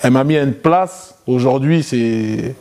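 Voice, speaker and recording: A man, a guest in a casual interview, telling a story in an animated way. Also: a little slow, background noise. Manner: animated, acts out quotes in a loud high voice.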